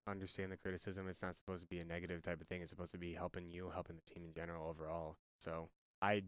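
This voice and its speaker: Young man interviewing, relaxed and friendly. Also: low-pitched, very fast, clean tone, no echo. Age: young adult. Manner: relaxed and friendly, loose phrasing. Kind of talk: casual interview.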